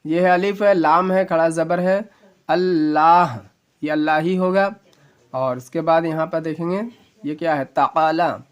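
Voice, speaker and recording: Fairly high-voiced man teaching letter by letter. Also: clear, resonant tone. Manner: spells words out slowly, letter by letter; patient, explanatory, asks and answers his own questions. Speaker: Urdu teacher. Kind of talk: casual video lesson.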